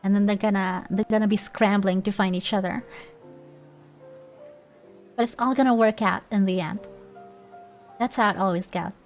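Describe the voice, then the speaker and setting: A woman's voice: mid-range voice, fairly even intonation, moderate pace, pauses often, soft background music. A young woman streaming a game, chatting casually, giggling and reading lines aloud. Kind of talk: casual gameplay commentary.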